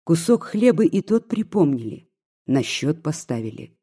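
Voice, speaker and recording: Desperate pleading woman as a male reader puts her on, husky and dark, bitter and feverish. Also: a little high, very animated, normal speed, full character voice. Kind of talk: audiobook reading.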